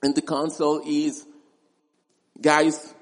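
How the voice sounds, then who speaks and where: A male pastor preaching a verse-by-verse sermon, speaking deliberately and repeating key words for emphasis. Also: a little high, monotone. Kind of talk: expository sermon. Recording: long reverb in a large hall.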